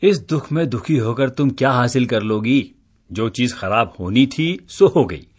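A man's voice: medium pitch, measured pace, husky. An actor playing a tired office-going husband who teases and scolds his wife, in a radio play. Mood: exasperated. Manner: teasing, exasperated, lively. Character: teasing middle-aged husband, tired office worker.

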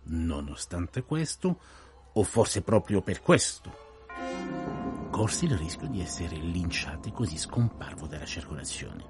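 Detective lead for a radio play: a precise older sleuth, very low voice, soft music under it. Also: male voice, sing-song, heavily acted. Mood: measured. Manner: measured, grave storytelling.

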